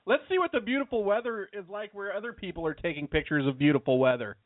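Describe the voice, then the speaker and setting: A man with a high, expressive voice talks fast while co-hosting an internet radio show, his banter blunt and full of swearing. The Skype call is glitchy and staticky, so his voice breaks up, and the tinny line has no room sound.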